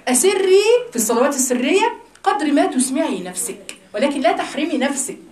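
A woman with an Egyptian Arabic accent giving a religious lesson to a group of women, talking in a lively, teasing, conversational way. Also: high-pitched, fast, echoey room. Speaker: religious teacher.

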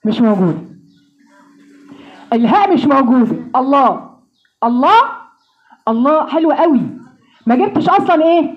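A woman with an Egyptian accent teaching Quran recitation, drilling sounds slowly and joking with homely comparisons. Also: high voice, lively intonation, lo-fi sound. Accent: Egyptian Arabic. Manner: playful, homely comparisons, slow drawn-out model sounds. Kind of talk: pronunciation lesson with drills.

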